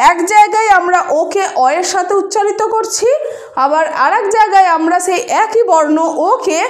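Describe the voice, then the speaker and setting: Female teacher, very high-pitched, patient explainer, recorded in a reverberant room. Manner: explaining patiently with questions to students. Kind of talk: spoken Bengali grammar lesson.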